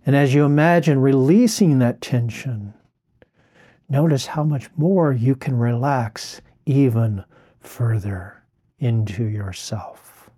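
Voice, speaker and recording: Male relaxation guide, middle pitch, unhurried and mellow, soothing delivery. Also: husky. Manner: slow, soothing, drawn-out phrasing.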